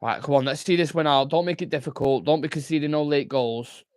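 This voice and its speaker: A man's voice: on the high side, brisk, darkish tone, dry recording, studio quality. A young man, hosting a live football watchalong, chatting casually, swearing freely and answering viewers. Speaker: fan channel host.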